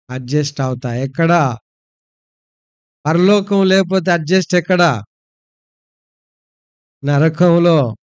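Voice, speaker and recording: A man's voice: fairly high pitch, a little mellow, clean tone, no room sound, lo-fi sound. A pastor preaching a sermon to his congregation, often putting questions to them and then leading them in prayer. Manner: coaxing, asks the congregation questions. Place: church hall.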